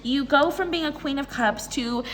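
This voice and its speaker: A woman doing a casual tarot reading in a bubbly, excitable, chatty way. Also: high voice, normal speed, slight background noise. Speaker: tarot reader. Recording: reverberant room with faint ambience.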